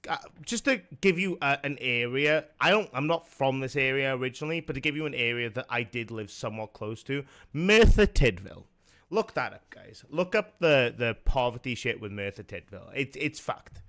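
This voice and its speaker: A young South Welsh man with a mid-range, sharp-toned voice hosts a live stream. He chats casually and rambles, swearing a lot and filling his talk with fillers and restarts.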